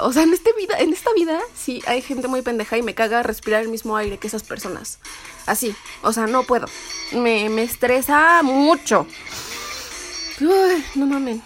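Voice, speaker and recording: A young Mexican woman delivers a heated, foul-mouthed vlog rant, her voice sitting somewhat high. Sarcasm and swearing run all through it. Music plays clearly behind her. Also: fairly bright tone. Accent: Mexican Spanish. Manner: profane, heated, sarcastic ranting. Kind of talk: ranting vlog monologue.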